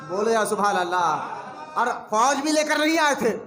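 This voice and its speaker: A man preaching a sermon at a religious gathering, telling stories with passion and rising to shouted emphasis as he calls on the audience to respond. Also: high voice, animated, echoey room. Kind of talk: sermon storytelling.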